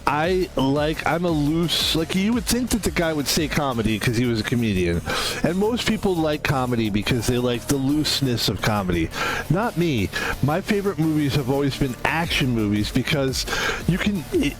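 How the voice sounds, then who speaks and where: A man's voice: fairly high pitch, very animated, moderate pace, over music, poor audio. A man in his fifties chatting casually as a game streamer, rambling and interrupting himself. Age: 50s. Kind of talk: casual gaming stream chat.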